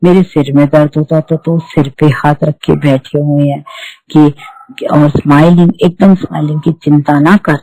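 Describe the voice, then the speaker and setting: A middle-aged woman, a devotee, earnestly tells her spiritual testimony, repeating herself and restarting as she goes. Her deep, dark voice has fairly even intonation and normal speed, and the recording is dry and rough.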